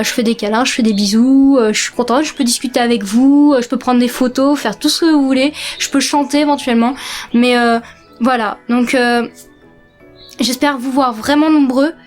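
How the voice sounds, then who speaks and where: A girl in her late teens chats to the camera from her bedroom, her voice a touch high. She talks loosely and hesitantly, stopping often to search for words. Soft music plays faintly underneath. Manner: chatty, hesitant, many fillers. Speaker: vlogger. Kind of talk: casual vlog chat.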